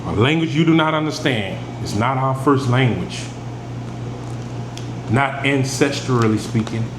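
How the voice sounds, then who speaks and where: A preacher with a mid-range voice reads scripture verses aloud at an unhurried pace, then explains them in plain, emphatic language. The room is echoey, with an air conditioner humming.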